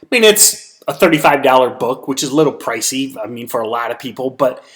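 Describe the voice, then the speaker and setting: A man's voice: mid-range voice, lively intonation, a little fast, fairly bright tone. A tired man giving a casual solo recap of his trading day, rambling with many restarts and fillers. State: tired, yawning. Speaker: stock trader giving a daily recap.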